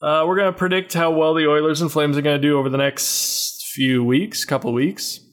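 A man co-hosting a casual hockey podcast, his voice sitting a little high for a man. He talks in animated bursts, laughs often and slips into mocking asides. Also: fairly quick. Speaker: podcast co-host. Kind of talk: casual sports chat.

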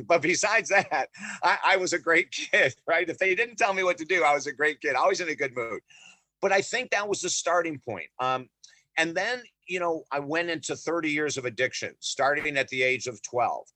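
A middle-aged man speaks as an interview guest, telling his story with emphatic energy and a habit of checking in with "right?". His voice is bright and forceful. The sound is dry, with no room echo. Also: on the high side, lively intonation, normal speed. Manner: emphatic, repeats "you know" and "right?", often addresses the host by name. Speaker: guest, author and counselor.

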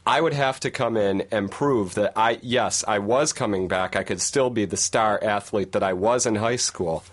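A man's voice: fairly low pitch, normal speed. A young man on a radio panel, making his points in a confident, emphatic way. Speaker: studio guest panelist.

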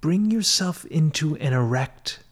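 Guiding a meditation, a man speaks in a fairly high, animated voice that is still soft, breathy and half-whispered in spa style. He stays soothing and measured, with long pauses between brief phrases.

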